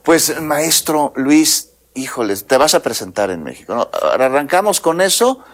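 A man hosts a radio interview with a lively, eager manner. He jumps in often with questions and admiring remarks. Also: fairly high pitch, moderate pace. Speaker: radio host.

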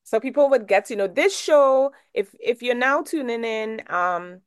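A woman's voice: on the high side, expressive, measured pace, clean tone, no echo, studio quality. A woman from Trinidad hosting an interview show, asking questions in a chatty, friendly way. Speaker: show host.

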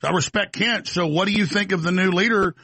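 A man's voice: high voice, fast, bright, forceful tone, slightly rough, no echo. A male host pressing his guest with heated, pointed questions, often stammering and restarting his sentences. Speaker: talk show host.

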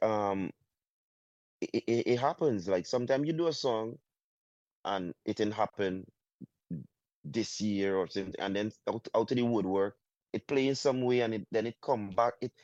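A man from Guyana with a Guyanese accent, a soca artist talking in a casual interview, halting and full of restarts. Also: fairly low pitch, a little mellow, no echo. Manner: halting, many restarts, drawn-out phrases. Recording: dull, muffled sound.

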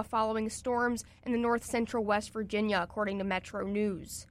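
A young woman anchoring a college radio newscast, reading the bulletin in a steady, even way. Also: on the high side. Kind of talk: read news bulletin.

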